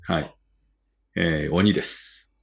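A man with a Japanese accent teaching an English vocabulary lesson. He reads each word twice, then explains it slowly. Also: sits low, creaky.

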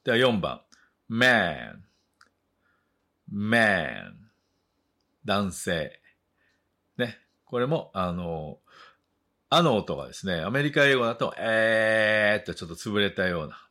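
Male English tutor, lowish and very animated in pitch, unhurried, models each word for listeners to repeat. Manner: slow, deliberate modeling of words for learners to repeat. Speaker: English teacher. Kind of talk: bilingual story reading and pronunciation drill.

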